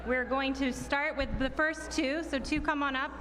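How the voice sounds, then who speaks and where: Lady introducing auction items live, high pitched, lots of reverb and clear background noise. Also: steady tone, normal speed. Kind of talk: live event announcing. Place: large indoor hall at a gala event. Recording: noisy hall with long reverb.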